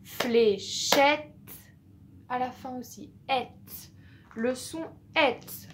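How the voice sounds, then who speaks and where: A woman's voice: high-pitched, takes it slowly, background noise. A woman teaching young children a phonics lesson, spelling out letters and repeating sounds patiently. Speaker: primary school teacher.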